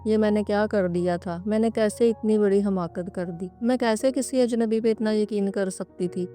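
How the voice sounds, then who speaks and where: A woman voicing a frightened young woman who speaks softly and pleads, over faint music. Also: mid-range voice, fairly even intonation, natural voice. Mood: pleading. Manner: pleading, soft.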